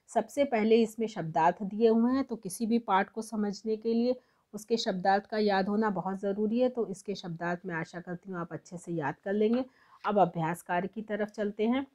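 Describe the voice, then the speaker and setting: A woman teaching as a tutor, explaining textbook exercises step by step and slowing down to read verses aloud. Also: medium pitch, a little mellow. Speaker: Sanskrit tutor.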